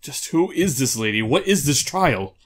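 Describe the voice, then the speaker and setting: A young man co-hosting a let's play, reading aloud and commenting casually, quick to laugh. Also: medium pitch, lively intonation. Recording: game music behind.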